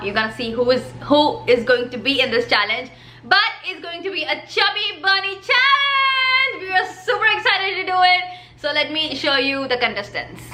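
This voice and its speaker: A woman hosting a casual vlog in an excited way. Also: high-pitched. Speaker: vlog host. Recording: echoey room.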